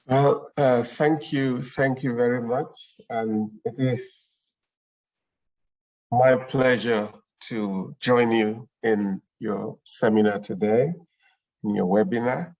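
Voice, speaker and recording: A man from Cameroon presenting in an online webinar, speaking slowly and hesitantly with many fillers over a video call. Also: medium pitch, fairly even intonation, darkish tone, poor audio. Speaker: presenter, UN agency deputy director.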